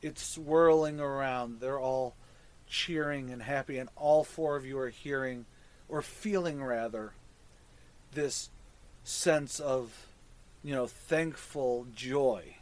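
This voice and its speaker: A man's voice: mid-range voice, slow pace. A man casually narrating a tabletop fantasy game as the dungeon master and host.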